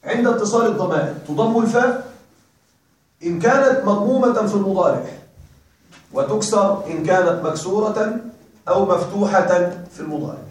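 High-voiced man teaching in an echoey classroom. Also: brisk. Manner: call-and-response drilling, prompts students to finish words. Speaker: grammar teacher. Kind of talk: classroom grammar lecture. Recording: very echoey room, voice far from mic.

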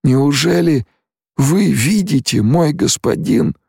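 A man's voice: high voice, slow pace, gravelly, a little mellow, no room sound, clean studio sound, pitched above the performer's own voice, heavily acted. A man reading an audiobook, voicing a devoted male desert warrior chief who pleads in a strained, raised voice. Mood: anguished.

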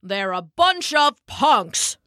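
A grumpy old bullfrog in a storybook, bellowing his demands at a slow, heavy pace, as a woman reads him. The voice stays bright and close, his complaints drawn out and bossy. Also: on the high side, sing-song, no echo, exaggerated voice. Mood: grumbling, bossy. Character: grumpy old male bullfrog wanting a king.

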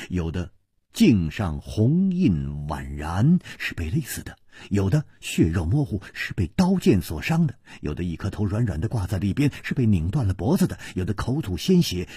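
Husky low-voiced male storyteller. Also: dry recording, clean studio sound. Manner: sweeping dramatic swings in pitch and loudness. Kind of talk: dramatic radio novel reading.

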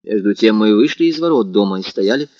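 A man narrates a classic novel in a measured, expressive way. His pitch moves a lot. The sound is dry, close and a little lo-fi. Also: dry recording. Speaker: audiobook narrator. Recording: dull, lo-fi sound.

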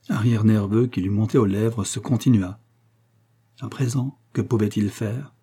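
A man narrating a novel as an audiobook reader, in a measured, literary reading style. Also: lowish voice, mellow, slightly rough.

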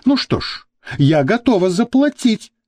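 Guy doing a coquettish young model lady, high and swooping, slow. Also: very animated, darkish tone, no room sound, exaggerated voice. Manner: chirping, coquettish.

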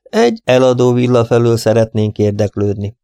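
A man reading an audiobook and voicing a fussy, precise older detective who speaks slowly and deliberately. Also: mid-range voice, steady tone, warm tone, clear, resonant tone, no room sound, clean studio sound, voice pushed up, close to an everyday voice. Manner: slow and deliberate, spelling things out.

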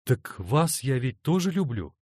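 A tender young wife, torn between two loves, pleads and hesitates in a lifted, softened voice, as a man puts her on. Her words come emotional and uncertain in a storybook reading. The recording is dry and close. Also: mid-range voice, sing-song, measured pace, slightly rough, dry recording, pitched above the performer's own voice.

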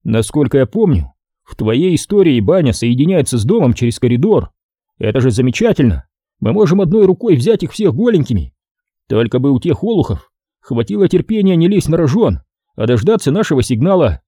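A man voicing a cocky, coarse male adventurer who talks loudly and mockingly. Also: fairly high pitch, very animated, fairly quick, husky, dry recording, clean studio sound. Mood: scheming. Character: brash rough-talking male adventurer, cocky.

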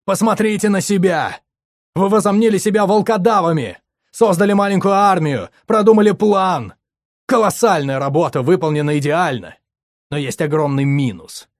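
A male narrator voicing a furious young man who shouts indignantly at his comrades. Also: mid-range voice, measured pace, pauses often, dry recording, studio quality, pitched above the performer's own voice, lightly acted. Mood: furious shouting.

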